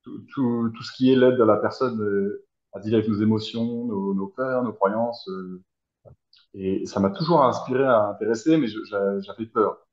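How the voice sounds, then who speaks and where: A French man in his 30s, a helping professional, answers personal interview questions as a guest over a video call from abroad that sounds roomy and dull. His voice is lower and darkish, at normal speed, and he is reflective and hesitant, thinking aloud and searching for words.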